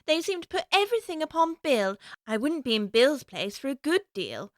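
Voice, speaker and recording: A woman's voice: high voice, very animated, normal speed, no room sound, studio quality. An actress playing Alice, a curious, plucky young girl who thinks aloud earnestly to herself. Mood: musing.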